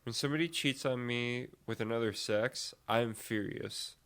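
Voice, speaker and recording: A man's voice: mid-range voice, normal speed, a bit bright. A young man co-hosting a podcast, chatting casually in a rambling way with lots of fillers and swearing. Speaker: podcast co-host. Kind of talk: casual chat.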